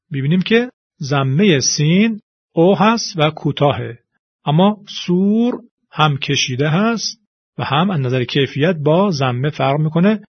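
A man teaching Quran recitation, explaining vowel pronunciation and demonstrating the sounds slowly and deliberately. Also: on the high side, breathy edge, no room sound. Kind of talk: explanatory tutorial with spoken examples. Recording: dull lo-fi audio.

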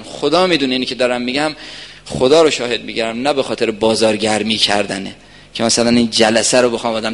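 A man giving an earnest religious lecture to a gathering, telling stories and swinging from soft asides to emphatic points. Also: mid-range voice. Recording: reverberant hall.

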